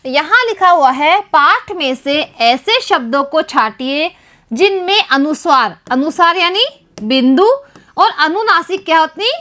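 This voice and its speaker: Teaching Hindi to a class of young children, a Rajasthani woman speaks to her pupils repeatedly and lands on every syllable with slow, careful emphasis. Her voice sits high and is a bit bright.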